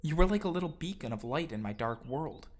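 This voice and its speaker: This is scripted autobiographical narration in audio-drama style, with acted dialogue and music playing behind it. The man's voice is on the high side, expressive, and fairly quick, and his delivery is sincere and earnest.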